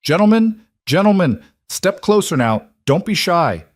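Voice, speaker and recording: A man voicing a wiry frontier auctioneer who crows his pitch in a sharp, greasy voice, pushed high above his own. The loud, oily patter of a storybook villain comes over a dry, close recording. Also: very animated, a little slow, no echo, heavily acted. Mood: crowing sales pitch. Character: wiry greasy male frontier slave trader, crowing. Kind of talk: storybook narration.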